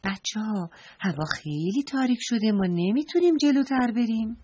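A woman voicing a wise, motherly hoopoe bird in a children's story, calm, slow and a little breathy. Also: on the high side, dry recording, muffled recording.

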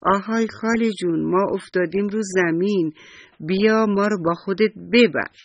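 A man voicing a big, cheerful talking walnut in a children's bedtime story, calling out eagerly in a husky voice. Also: sits high, expressive, no room sound, highs cut off, pitched above the performer's own voice.

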